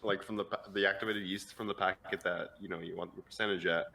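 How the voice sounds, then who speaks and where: A man with a bright, forceful, lowish voice explains something on a casual podcast, stopping and restarting often. A faint hiss sits behind him. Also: steady tone, creaky. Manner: halting, filler-heavy explaining. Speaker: podcast co-host. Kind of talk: casual chat.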